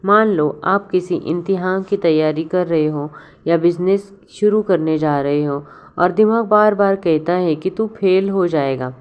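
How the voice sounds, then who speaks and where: A woman giving a calm spiritual self-help talk, unhurried and often restarting her words as she advises. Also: on the low side, lo-fi sound. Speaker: motivational speaker.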